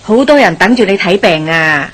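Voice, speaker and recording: In a radio drama, an actress plays a warm-hearted, nosy middle-aged village wife with a Hong Kong Cantonese accent, gossipy, exclamatory, chatty and solicitous. Her medium-pitched voice is animated, at a normal speed and close to an everyday voice.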